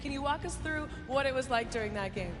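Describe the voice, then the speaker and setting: An upbeat, high-voiced woman asking players friendly post-match questions on an arena floor. Her voice carries a long hall reverb. Music plays behind her. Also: lively intonation, fast talker. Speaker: on-floor interviewer.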